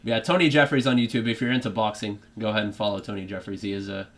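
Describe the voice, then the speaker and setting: Low-voiced man doing live match commentary. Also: steady tone, racing, fairly bright tone. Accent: put-on British. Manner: rambling, many fillers and restarts, drifts off topic. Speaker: fan streaming a live match reaction. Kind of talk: live football reaction commentary.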